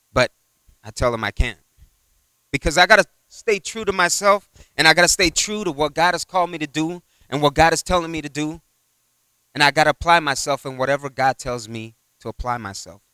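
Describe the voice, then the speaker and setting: Bright, clear-voiced man preaching casually. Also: on the high side, moderate pace, no room sound. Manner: rambling, full of "you know" and retold exchanges. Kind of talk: conversational sermon.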